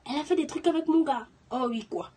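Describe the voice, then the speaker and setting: A young woman chatting casually to camera in a storytime vlog, full of slang and filler words, getting loud and animated when indignant. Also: high voice, fast, heavy background noise.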